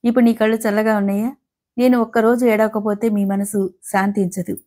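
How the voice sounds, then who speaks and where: A woman's voice: mid-range voice, level tone, fairly quick, natural voice. Woman reading as a bitter young widow. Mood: bitter, angry. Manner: sharp, accusing.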